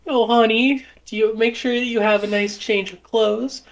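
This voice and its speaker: Man putting on a satyr mom, high-pitched, fussy, motherly, tabletop role-play. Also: fairly even intonation, moderate pace. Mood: doting. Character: doting tearful satyr mother.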